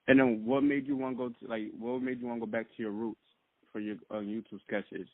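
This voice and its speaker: A man hosting a casual interview, asking short, relaxed questions. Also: mid-range voice, a little fast, gravelly, no echo. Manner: relaxed, brief questions, says okay often. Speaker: interviewer host. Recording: tinny phone-line sound.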